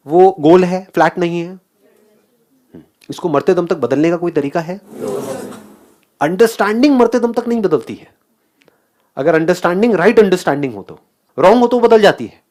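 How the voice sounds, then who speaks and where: Animated man giving a motivational talk. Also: sits high. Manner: animated, asks the audience questions, mixes in English phrases. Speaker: motivational speaker.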